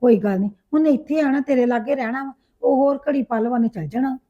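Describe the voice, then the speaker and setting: Woman doing a worried widowed mom, husky voice, quick talk, sounds like a phone line. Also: high-pitched. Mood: soothing. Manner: soothing, fretful. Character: worried widowed mother of grown daughters. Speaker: mother. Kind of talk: web drama acting.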